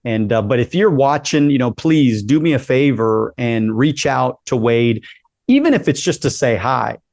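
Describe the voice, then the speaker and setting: A man's voice: medium pitch, lively intonation, normal speed, gravelly, darkish tone, dry recording. A man in his late forties hosting a casual interview, upbeat and encouraging, often repeating himself as he talks. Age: 40s. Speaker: podcast host.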